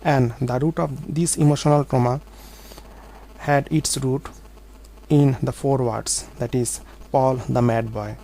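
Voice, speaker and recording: A man telling his own life story as a vlog monologue, in an earnest, halting way with small grammar slips. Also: medium pitch, fairly even intonation, gravelly, dark tone, a little hiss or hum, rough recording.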